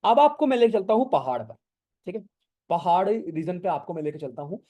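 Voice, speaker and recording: Guy teaching geography online, high voice, warm mellow sound, keeps asking the class if it's clear. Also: very animated. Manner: explains slowly, asks the class questions, scolds students for off-topic doubts; mixes English terms into speech, keeps asking if it is clear. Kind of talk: online exam-prep lecture. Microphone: no earphones, talking to an online class.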